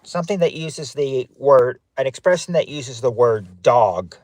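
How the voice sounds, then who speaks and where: A man's voice: medium pitch, expressive, measured pace, darkish tone, dry recording. A man hosting a casual family game show on a livestream, reading out answers and greeting viewers by name from his parked car.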